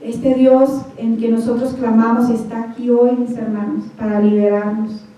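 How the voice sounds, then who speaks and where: A woman's voice: a little high, level tone, normal speed, dark tone. A woman preacher giving a fervent sermon in a church hall, often calling out to the congregation. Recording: echoey hall, voice from far off, dull sound.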